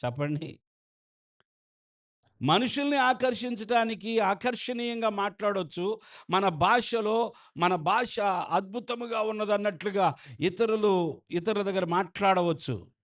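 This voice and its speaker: Male pastor delivering a sermon, unhurried, emphatic, questioning the listeners. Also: sits high, a bit bright. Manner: slow, emphatic preaching, mixing in English phrases and asking the congregation questions. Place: church.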